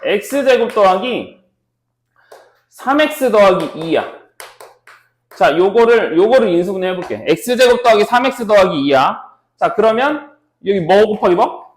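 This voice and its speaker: A male math teacher with a high, very lively voice, explaining each step and constantly asking students if they follow. He is recorded in an echoey classroom. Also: unhurried, a little hiss or hum. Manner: checks in often with students, repeats steps. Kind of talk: classroom lecture.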